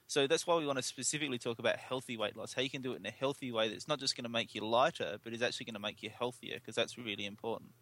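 A man's voice: medium pitch, very fast, few pauses, bright, forceful tone. A man co-hosting a casual health podcast, earnest and full of fillers. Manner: earnest, many fillers like um and you know. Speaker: podcast co-host.

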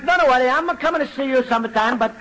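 High-voiced, eager Italian immigrant dreamer. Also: male voice, quick pace, sharp tone. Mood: resolute. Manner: earnest, boastful, mangles American slang. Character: naive, eager, self-important Italian immigrant would-be businessman. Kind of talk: old-time radio sitcom acting. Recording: old radio recording with faint noise.

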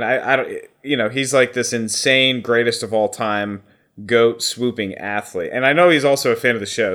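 A man's voice: medium pitch, a bit bright. A man co-hosting a casual podcast, joking around and rambling playfully as he talks. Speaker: podcast co-host.

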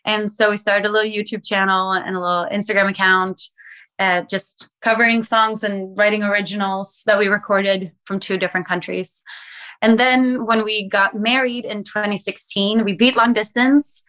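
A woman's voice: medium pitch, fairly even intonation, moderate pace, sharp tone. A young woman from Sweden, a musician guest telling her story in a chatty, enthusiastic way. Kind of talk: casual interview talk.

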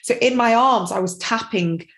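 A middle-aged woman with a fairly high, slightly bright voice talks at a moderate pace, and the recording is rough. As a guest on a casual podcast interview, this tapping practitioner and parent chats and rambles, saying "you know" often.

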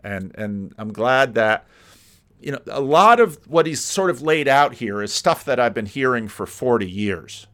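A man's voice: medium pitch, lively intonation, a little slow, a bit bright. A man casually commenting on a sermon he is playing, hedging often with "sort of".

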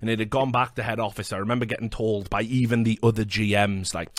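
Sweary, low-voiced British-slang storyteller, a man. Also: fast, dry recording, clean studio sound. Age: 30s. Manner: sweary, blokey, animated storytelling with acted-out quotes. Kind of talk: casual chat, telling bar-fight anecdotes.

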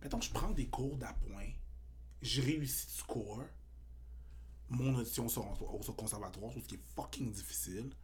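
A man with a Québécois French accent, a comedian guest in a casual podcast chat, animated and mixing English slang into his talk, getting louder when worked up. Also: mid-range voice, normal speed.

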